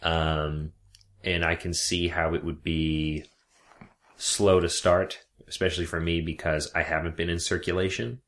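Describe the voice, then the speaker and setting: A man's voice: deep voice, unhurried. A young man, an actor, chatting casually and rambling about his work with frequent laughs. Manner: relaxed, rambling, laughs often. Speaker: actor guest. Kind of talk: casual chat.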